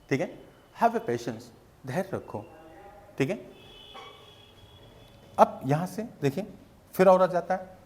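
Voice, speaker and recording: A man with a Hindi accent teaching spoken English, explaining slowly and repeating each phrase in Hindi and English. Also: a little high, a little mellow. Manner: slow and patient, repeating phrases, switching between Hindi and English.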